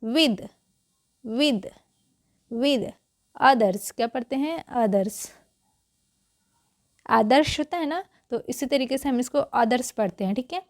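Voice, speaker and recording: A woman's voice: sits high, lively intonation, a little slow, darkish tone, dry recording, studio quality. A woman teaching English reading in Hindi, patiently repeating each word and quizzing the viewer.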